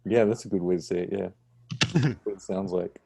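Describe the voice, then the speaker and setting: A man's voice: low-pitched, quick pace, gravelly, warm tone, a little hiss or hum. A man teaching an online design class over a video call, chatty and checking in with "right?". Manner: conversational, often checks with "right?".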